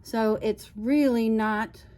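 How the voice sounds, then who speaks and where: A woman's voice: fairly high pitch, fairly even intonation, slow, dark tone. Chatty woman demonstrating a sewing machine. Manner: chatty, laughs often while explaining. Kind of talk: casual demonstration.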